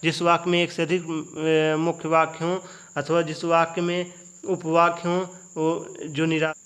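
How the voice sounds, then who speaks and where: A young male teacher, his voice on the high side, monotone, unhurried and a bit bright, gives an exam revision lecture. He puts rhetorical check questions to the students and then answers them himself.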